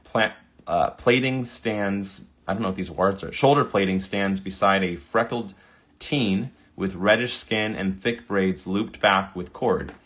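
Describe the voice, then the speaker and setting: Low-voiced man reading prompts aloud. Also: measured pace, fairly bright tone. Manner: reads prompts aloud, stumbles over words, laughs. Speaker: video creator. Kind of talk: casual screen-recording commentary.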